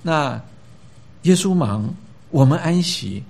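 A man preaching a sermon, reading scripture aloud and praying, stressing words and often pausing with hesitations. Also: fairly high pitch, expressive, vocal fry, a little mellow. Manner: emphatic, rising for stress, with frequent filler hesitations. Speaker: pastor.

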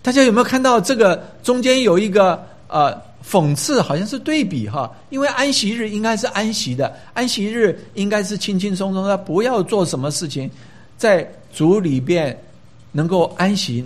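A man's voice: high voice, expressive, moderate pace. Emphatic man preaching a sermon. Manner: emphatic, rising for stress, with frequent filler hesitations. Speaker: pastor. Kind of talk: sermon with scripture reading and prayer.

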